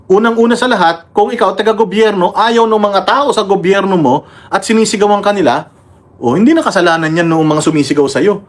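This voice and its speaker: A man hosting a casual political commentary livestream, combative and mocking, thanking members and reading viewer comments aloud. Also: sits high.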